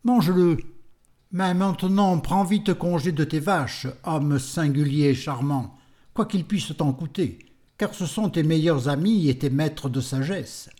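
A man's voice: on the high side, measured pace, dark tone, natural voice. A man voicing a solitary prophet in an audiobook, speaking solemnly and declaiming his words. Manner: solemn, declamatory, rising to anger. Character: solitary male prophet, stern yet kindly.

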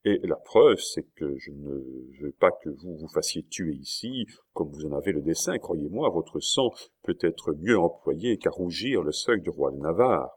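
A man reading the part of a cold, scheming young duke who speaks softly and coaxingly. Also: extremely low pitch, expressive, a little slow, hardly any pauses, husky, exaggerated voice. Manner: soft, insinuating, coaxing. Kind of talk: audiobook character reading.

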